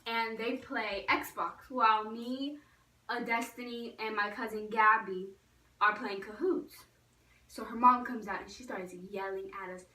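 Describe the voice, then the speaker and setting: A woman's voice: a little high, steady tone, a little slow, far from the mic. A young woman chattily telling a storytime vlog, often acting out what people said. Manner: chatty storytelling, acting out quoted voices loudly. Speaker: vlogger. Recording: echoey room, off-mic.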